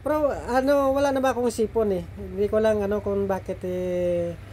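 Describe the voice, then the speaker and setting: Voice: mid-range voice, normal speed, a little mellow, slight background noise. Chatty middle-aged vlogger, slightly nasal. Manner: chatty, keeps asking the viewers for agreement. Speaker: food vlogger. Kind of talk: casual eating and cooking vlog.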